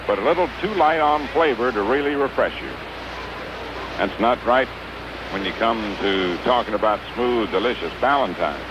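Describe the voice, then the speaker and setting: An American man calls a baseball game from a ballpark broadcast booth in 1950s radio sports commentary. He speaks in measured, clipped phrases, pausing between pitches. The vintage radio recording is noisy and dull.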